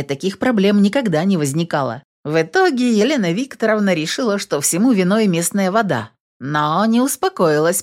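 A woman reading a story aloud in an expressive, wry manner, as a storybook narrator. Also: on the low side. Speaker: audiobook narrator.

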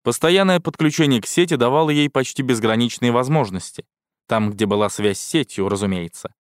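A man's voice: medium pitch, a little fast, clean tone, dry recording, studio quality. A man reading a first-person science fiction audiobook in a wry, sardonic tone. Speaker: audiobook narrator. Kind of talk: scripted first-person sci-fi narration.

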